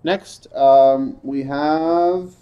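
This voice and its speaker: A man's voice: a little high, fairly even intonation, extremely slow, highs cut off. A man teaching a class, drilling words and patiently correcting and praising students. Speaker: Arabic teacher.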